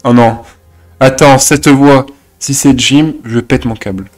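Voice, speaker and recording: A man doing casual reaction commentary, excitable and jokey, laughing often. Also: mid-range voice, a little slow, soft background music. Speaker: reaction youtuber.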